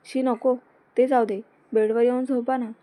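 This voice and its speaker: A woman voicing a shy young wife who pleads and coaxes, in a fairly high, even voice. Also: moderate pace, no echo, natural voice. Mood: pleading. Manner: pleading, coaxing.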